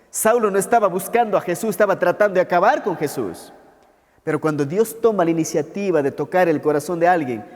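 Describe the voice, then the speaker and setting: Male pastor, slightly high voice, sermon delivery built on rhetorical questions, recorded in a reverberant church hall. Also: darkish tone. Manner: preaching with rhetorical questions, slowing for quoted words.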